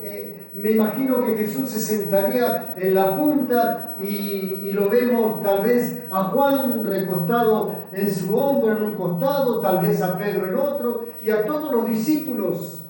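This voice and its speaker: Middle-aged male pastor, earnest repetitive preaching, mellow tone, picked up from afar. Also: high voice, measured pace, few pauses. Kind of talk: sermon. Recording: echoey hall, distant mic, soft music.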